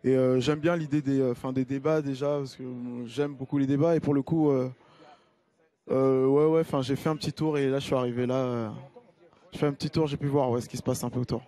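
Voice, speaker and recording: A Congolese musician from Kinshasa, a man in his thirties whose first language is Lingala, chats in a casual interview on an outdoor square stage hung with colored drapes. His mid-range voice is brisk and mellow with fairly even intonation, and he speaks hesitantly, with many fillers and restarts, into a handheld mic the host holds while an acoustic guitar plays behind him.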